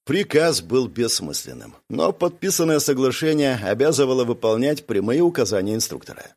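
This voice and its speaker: A man's voice: mid-range voice, big pitch swings, moderate pace, a little mellow. A man reading a first-person audiobook in a dry, matter-of-fact way. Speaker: audiobook narrator. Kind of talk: first-person scripted narration.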